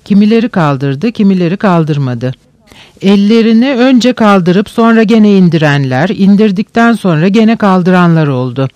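High-voiced man reading a novel aloud. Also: animated, moderate pace, a little mellow, no echo, dull audio. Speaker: audiobook narrator. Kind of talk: scripted narration.

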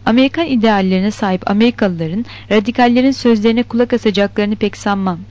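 Smooth-talking preachy boss man, read by a woman, placating tone, lo-fi audiobook sound. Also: mid-range voice, quick pace, a little mellow, lightly acted. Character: smooth-talking male grower's agent, patronizing. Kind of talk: scripted narration of a novel. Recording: dull lo-fi recording.

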